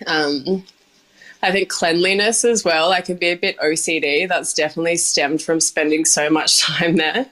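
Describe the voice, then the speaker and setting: A young Australian woman who works as a bar manager and sommelier chats casually in an interview. Her voice is low and fairly bright, with fairly even intonation at a normal speed. She fills her speech with lots of "like" and "um" and laughs often.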